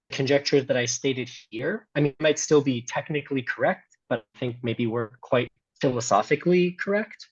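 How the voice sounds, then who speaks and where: A man's voice: a little high, darkish tone, dull audio. A man with an American accent giving an academic math seminar talk, hesitant, with many fillers and restarts. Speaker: seminar speaker.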